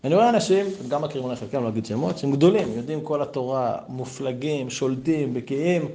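A middle-aged man, a rabbi, giving a Torah lesson full of stories and rhetorical questions. His voice jumps high on the points he stresses. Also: mellow, a little hiss or hum. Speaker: rabbi teaching a Torah class.

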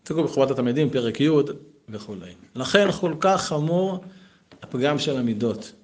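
A man in his thirties teaching a Torah lesson in a conversational, animated way, mixing text study with personal stories. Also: medium pitch. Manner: animated, conversational, lively asides. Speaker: yeshiva teacher.

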